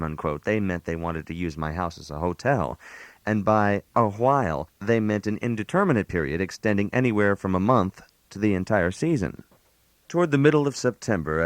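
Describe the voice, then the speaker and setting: In a comic radio monologue captured as an analog aircheck, a narrator plays a put-upon, fussy host dispensing genteel etiquette advice. His low voice is close and dry with no room sound, and he speaks precisely and mock-formally with dry wit. The mood is wry and exasperated.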